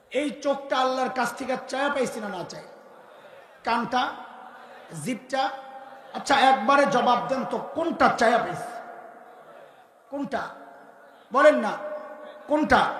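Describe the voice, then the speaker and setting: Preacher guy, fiery sermon, keeps quizzing the crowd, really high and bright, big echoey hall. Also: a little hiss or hum. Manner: fervent, quizzes the crowd in call-and-response. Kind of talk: impassioned sermon. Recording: echoey hall with long reverb.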